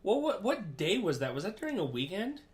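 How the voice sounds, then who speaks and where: A man's voice: sits high, sing-song, brisk. A man telling stories in casual, sweary chat as a podcast co-host. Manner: frequent swearing.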